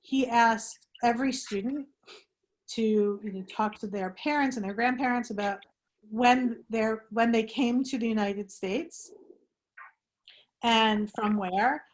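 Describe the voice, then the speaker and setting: Lively woman hosting an online chat. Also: fairly high pitch, slow. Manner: rambling, animated, with restarts. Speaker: discussion host. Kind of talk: casual talk to an online group.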